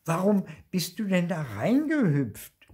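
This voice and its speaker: A man's voice: high voice, huge pitch swings, slow pace, darkish tone, husky, pitched above the performer's own voice, heavily acted. An older man reading aloud and voicing a bold, sensible young ghost girl. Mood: brisk.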